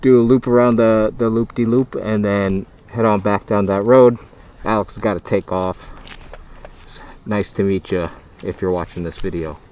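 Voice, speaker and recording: A man's voice: on the low side, fairly even intonation, normal speed, dull audio. A man giving casual motovlog commentary as he rides, talking to himself in short clipped phrases, with wind on the mic. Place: outdoors, riding a motorcycle on the road. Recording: loud wind and motorcycle noise on mic.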